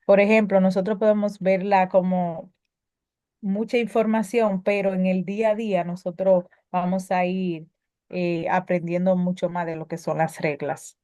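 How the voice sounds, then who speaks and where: Woman teacher, spelling lesson, lowish voice, dry close sound, reads from notes with small hesitations. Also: little pitch movement, moderate pace, warm tone, no room sound. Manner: reads prepared explanations with occasional filler and restarts.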